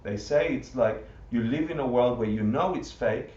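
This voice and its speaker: A man teaching a Buddhist class live to an audience, animated, full of rhetorical questions and often laughing. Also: medium pitch, moderate pace, slight background noise. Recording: roomy, distant, muffled livestream audio.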